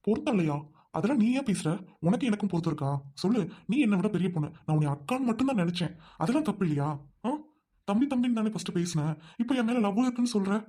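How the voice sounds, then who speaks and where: Man playing a fast-talking, firm young groom. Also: high voice, expressive. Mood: angry. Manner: forceful scolding, then gently reassuring. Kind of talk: amateur audio drama.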